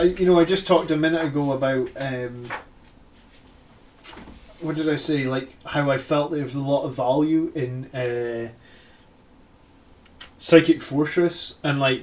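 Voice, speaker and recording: In this casual live-stream commentary, a man from Scotland reviews army lists out loud, often stumbling over fillers and correcting himself. His voice is mid-range, with a little hiss or hum on the recording.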